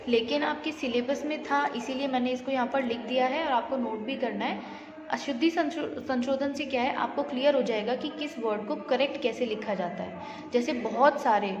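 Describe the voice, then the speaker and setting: A woman's voice: on the high side, background noise. A woman teaching a grammar lesson, asking her students questions and then answering them herself, with English words mixed in. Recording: echoey room, slightly dull audio.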